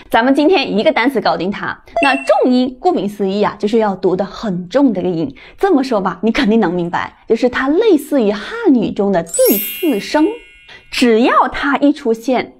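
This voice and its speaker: A young woman teaching an online English pronunciation lesson, coaxing her students and drawing out each model word slowly. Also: fairly high pitch. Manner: lively, coaxing, drawn-out model words.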